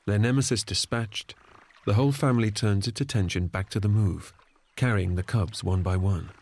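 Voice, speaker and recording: A man reading scripted nature documentary narration in a measured storytelling manner. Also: on the low side, darkish tone. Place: studio voice-over. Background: background music.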